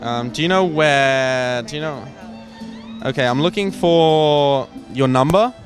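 A man's voice: fairly high pitch, takes it slowly, music in the background. Cheeky young man interviewing on the street. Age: young adult.

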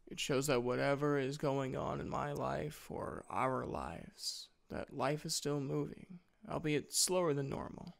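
A man playing a sleepy, tender boyfriend in an intimate role-play audio, drowsily and gently reassuring his partner at night. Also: mid-range voice, vocal fry, full character voice.

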